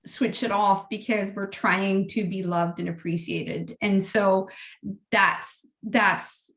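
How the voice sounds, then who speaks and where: A woman's voice: medium pitch, fairly even intonation, slow pace, fairly bright tone. A woman guest speaking earnestly in a casual interview, often repeating words as she restarts her thoughts. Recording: roomy echo.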